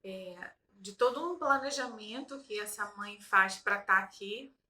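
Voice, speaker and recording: A woman's voice: mid-range voice, a little slow, bright, forceful tone, low-quality recording. A woman hosting a casual conversation, a mother who talks reflectively and ends many phrases with tag questions. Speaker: host.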